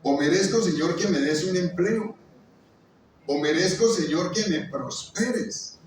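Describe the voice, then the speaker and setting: A man in his fifties preaching a sermon, earnest and pleading, with slow emphatic pauses. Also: sits high, distant mic. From Colombia. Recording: very echoey hall, voice off-mic, faint noise.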